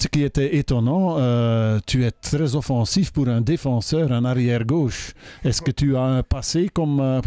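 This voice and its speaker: An older man, a club TV interviewer, doing a post-match interview in two languages, halting with many fillers and translating each answer, on a handheld mic in a locker room. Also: medium pitch, mellow, no echo, clean studio sound.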